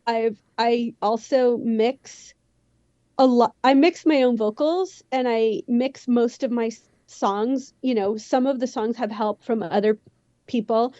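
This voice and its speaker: A woman's voice: on the high side, fairly even intonation, slow pace, warm tone, dry recording, dull audio. A woman with a Southern California Valley Girl accent, a youthful teenage-sounding voice and a slight lisp, chatting casually and ramblingly as an interview guest. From San Fernando Valley, California. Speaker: musician, podcast guest.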